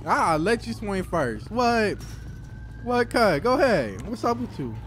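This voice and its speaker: Excitable high-voiced man, wildly animated. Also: a little slow, a little hiss or hum. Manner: slangy, profane, excitable. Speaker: gaming streamer playing a street character in online role-play. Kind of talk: improvised street role-play banter.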